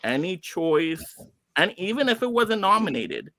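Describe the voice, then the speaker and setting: Animated man hosting a live show. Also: sits high, no echo. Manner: playful teasing, drawn-out build-up; animated, exclaiming. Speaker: host of a live award show. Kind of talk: lively casual live-stream hosting.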